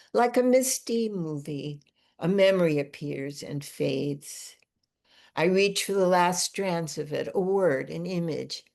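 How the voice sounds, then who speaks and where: Slow, deliberate woman reading poems. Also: sits low, creaky, darkish tone. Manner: slow, deliberate, measured delivery. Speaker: featured poet. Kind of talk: reading her own poetry aloud.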